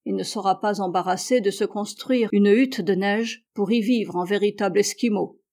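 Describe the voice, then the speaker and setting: A woman reading a classic adventure novel aloud, lifting her voice for the sailors' angry lines. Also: moderate pace. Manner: voices sailors' quotes louder and higher. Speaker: audiobook reader. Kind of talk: read-aloud novel narration.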